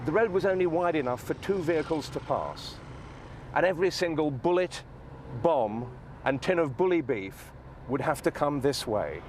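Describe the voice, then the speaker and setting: A man narrating a history documentary in a clear, expressive scripted delivery. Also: a little high, normal speed, noisy background. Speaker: documentary presenter.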